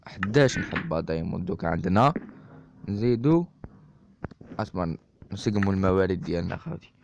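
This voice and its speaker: Deep, brisk and creaky, a man with an Algerian Arabic accent talks his audience through a let's-play as a gaming YouTuber, calling them brothers. The recording comes from a dull lo-fi mic with constant background noise.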